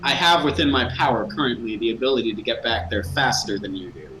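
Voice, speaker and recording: A man's voice: medium pitch, fast talker. A man playing a tabletop role-playing game, moving casually between in-character talk and banter, in a roomy recording. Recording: roomy echo, background music.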